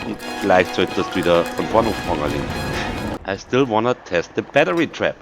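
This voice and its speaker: Excitable Bavarian man over loud game music. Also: low voice, a little fast. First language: German. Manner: says each line in English, then repeats it in German; excitable, with swearing and sudden outbursts. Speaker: gaming video host. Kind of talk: bilingual gameplay commentary.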